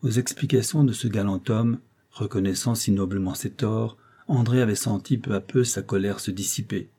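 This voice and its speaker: A man narrating a classic novel in a measured storytelling manner. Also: on the low side, steady tone, dark tone, breathy edge. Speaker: audiobook narrator. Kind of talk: scripted narration.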